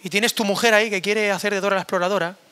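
A hoarse male pastor preaching an energetic, joking sermon to young people in a church, acting out quoted voices. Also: high-pitched, racing. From Spain. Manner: animated, jokey, acts out quoted voices. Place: church hall.

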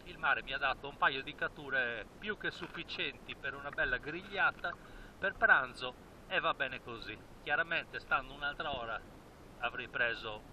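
A man in his fifties chats eagerly into an action camera outdoors, his voice pushed bright and sharp. He tends to repeat his phrases as he talks. Faint noise of water and the outdoors sits underneath. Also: medium pitch, low-quality recording. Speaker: spearfishing vlogger. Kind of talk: casual vlog narration to camera. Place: outdoors by the sea, then in the water.

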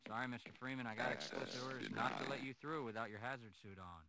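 A man's voice: mid-range voice, fast, vocal fry, noisy background, lightly acted. An actor playing a friendly, easygoing male security guard who talks in a casual, slightly weary way.

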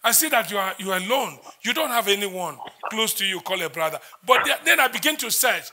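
Man, prophet ministering in church, very bright tense tone, insistent repetition. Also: high-pitched, expressive, brisk. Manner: intense, repetitive, declaring prayers.

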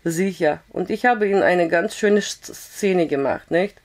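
A dignified, stubborn young bride with a prim, indignant way of speaking, as a woman reads her. The voice is hoarse and fairly low. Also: measured pace, natural voice. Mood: sheepish. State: hoarse with a cough.

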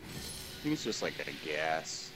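A man's voice: a bass voice, sing-song, unhurried, a bit bright, soft background music. A man playing a video game with a friend, laid-back and teasing, laughing often. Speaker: gamer co-op player. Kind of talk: casual gaming chat.

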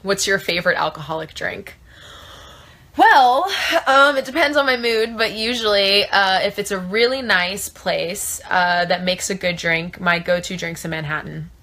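A woman's voice: mid-range voice, normal speed, bright, forceful tone. A woman in her twenties from South Florida, answering fan questions in a casual live chat, with lots of thinking-aloud fillers, filmed on a phone held at arm's length in a small room. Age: 20s. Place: small trailer room indoors.

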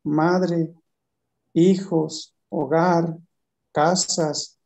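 A man giving a personal testimony in conversation, telling his story in a halting way with frequent restarts. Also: on the high side, flat delivery, gravelly, darkish tone.

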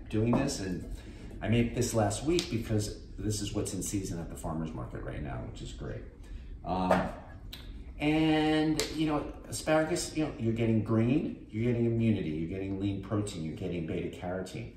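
An older man, chatting casually as he cooks and talks through each step in his home kitchen. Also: lowish voice. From New York. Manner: chatty, rambling, health-focused asides. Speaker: host. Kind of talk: casual cooking demonstration. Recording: echoey kitchen with noise.

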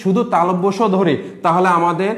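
A man's voice: high-pitched, level tone, fairly quick, fairly bright tone, roomy sound. A man with a Bangladeshi accent, a college lecturer giving a recorded lesson, explaining step by step and repeating example words.

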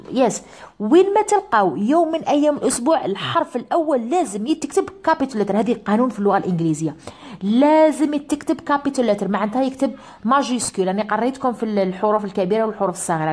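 A woman with an Algerian Arabic accent teaching English, slowly repeating each word for her pupils. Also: a little high, a little mellow. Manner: drawn-out repetitions of words for pupils. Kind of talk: classroom lesson.

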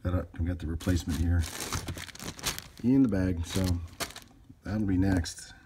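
In an unscripted hands-on tutorial at an indoor bench, a hobbyist repairer thinks aloud about his work. His warm voice sits low and moves a little slowly, with slight background noise.

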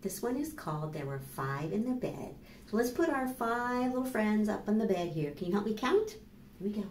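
With a mid-range voice, an American librarian in her fifties narrates a children's storytime and gives instructions, deliberate and animated. Captured by a camera microphone a few steps off in a small, plain indoor room, her voice sounds far away amid roomy echo and slight background noise.

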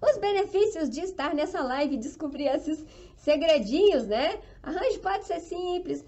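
A Brazilian woman with a high, bright-sounding voice runs a live stream as a flower-arranging instructor. She talks with upbeat, motivational enthusiasm and keeps turning to her audience for agreement while she handles the flowers. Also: lively intonation, moderate pace, lo-fi sound. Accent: Brazilian Portuguese.

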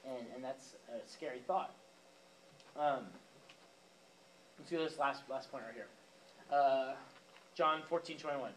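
A man's voice: mid-range voice, slow pace, pauses often, slight background noise, rough recording. A young man giving a youth sermon in a casual, chatty way, talking straight to the teens. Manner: casual, talks directly to teens with fillers and asides. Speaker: youth pastor. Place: church youth room, with a live audience.

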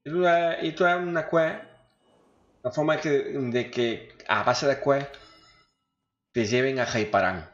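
A man's voice: mid-range voice, takes it slowly, pauses often. A man with an accent from Spain giving casual, coarse, informal gameplay commentary, muttering to himself as he goes. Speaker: gaming video host. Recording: echoey, dull microphone, faint music. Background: faint game music.

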